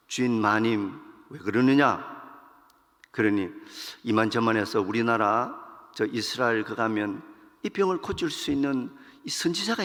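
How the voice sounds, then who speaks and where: A male pastor preaching in an animated, storytelling way and acting out the characters' lines. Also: medium pitch, in a large hall. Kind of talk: storytelling sermon.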